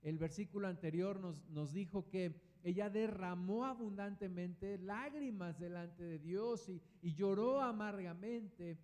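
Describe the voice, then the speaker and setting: A man's voice: sits high, measured pace, few pauses, a little mellow. A man preaching a sermon in a church hall, earnestly repeating words for emphasis. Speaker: guest preacher. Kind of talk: sermon with scripture reading. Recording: long hall reverb.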